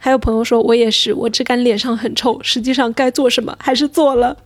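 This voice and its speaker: Woman, slightly high voice, dry close recording, relaxed amused chat. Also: fast, no room sound. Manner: relaxed, amused, reads out friends' comments. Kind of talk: casual chat.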